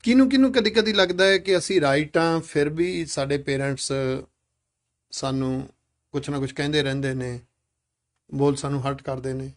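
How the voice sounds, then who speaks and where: A man's voice: fairly high pitch, normal speed. A man leading a live classroom discussion with children, asking many questions and urging them to speak up.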